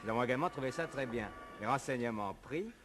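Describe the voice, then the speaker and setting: A man's voice: mid-range voice, animated, fast talker. A man presenting and interviewing in a wry, teasing, polished broadcast manner. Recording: 1950s broadcast recording with clear hiss.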